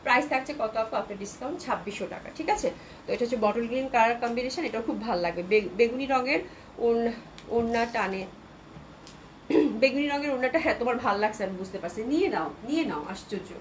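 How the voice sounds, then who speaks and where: Fast-talking woman selling dresses live. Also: on the high side, expressive, a little hiss or hum, rough recording. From Bangladesh. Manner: chatty, reads out viewer comments. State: sore throat from a cold. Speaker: online clothing seller. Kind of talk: live sales stream.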